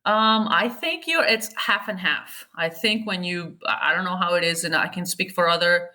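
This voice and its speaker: Woman, 40s, bright and open tone, chatty interview guest. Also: fairly low pitch, moderate pace. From Colombia. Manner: candid, chatty, talks with self-corrections. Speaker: guest, golf TV producer. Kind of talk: casual interview chat.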